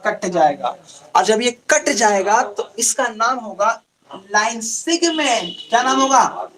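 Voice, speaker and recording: Call-and-response Bihari Hindi teacher. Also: male voice, sits high, expressive, a bit bright. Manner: call-and-response questioning, drawn-out repetition. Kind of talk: live online class lecture.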